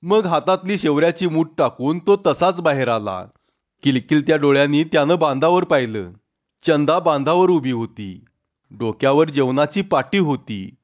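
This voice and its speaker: A man reading a rural story aloud in a calm, measured way. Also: fairly high pitch. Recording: dull lo-fi audio.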